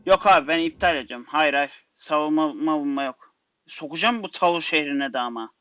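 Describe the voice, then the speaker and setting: A man's voice: a little high, fairly quick, a bit bright, smooth, dry recording, highs cut off. A man giving casual let's-play commentary, muttering to himself in exasperation and urging his units on. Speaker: gameplay commentator.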